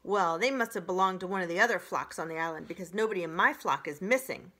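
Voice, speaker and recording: A woman's voice: lowish voice, quick pace, pushed and bright. A woman voicing a brusque old goose in a storybook, squawking in a skeptical, bossy, scolding manner. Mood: brusque, indignant.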